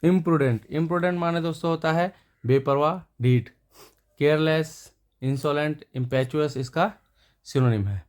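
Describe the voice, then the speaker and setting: A man's voice: on the high side, moderate pace, darkish tone. A man teaching English vocabulary, repeating each word before giving its meaning and synonyms. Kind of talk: explaining words and synonyms to viewers.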